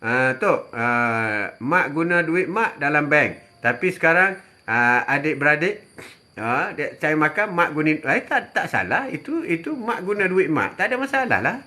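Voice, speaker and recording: Older male religious teacher, chatty live-stream advice, bright and forceful, slightly high pitch. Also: big pitch swings, a little slow. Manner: chatty, repeats phrases, frequent "ha" interjections.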